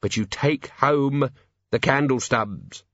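A man reading aloud and voicing a patient police commander who questions kindly and gently. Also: medium pitch, slow, no echo, highs cut off, voice pushed up. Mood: gentle.

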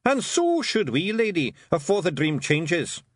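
A brash little pixie chief barks orders in a thick Scottish accent, as a man voices him. His voice is pushed up high and swings wildly, with a dry, close sound. He is loud, boastful and bossy. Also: wildly swooping pitch, a little slow, dry recording, exaggerated voice. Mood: blustering. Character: boisterous tiny male pixie clan leader.

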